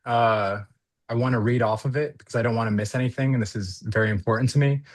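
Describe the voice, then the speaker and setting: A man speaking over a video call as an applicant at a hearing, reading a prepared statement in an earnest, halting way with fillers. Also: mid-range voice, steady tone.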